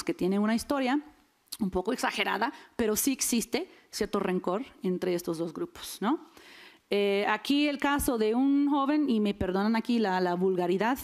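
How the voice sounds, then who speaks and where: A woman's voice: mid-range voice, darkish tone. A woman giving an academic linguistics lecture to an audience, often checking in with short tag questions. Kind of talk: academic conference talk. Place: lecture hall.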